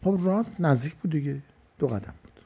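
A man's voice: fairly high pitch, animated, gravelly, dark tone, husky, dull audio. A man preaching a religious lecture, telling stories and repeating phrases for stress. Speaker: cleric.

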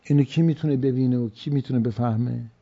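A man's voice: mid-range voice, fairly even intonation, vocal fry, dark tone, slightly rough, lo-fi sound. A man preaching a religious lecture, telling stories and repeating phrases for stress. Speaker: cleric.

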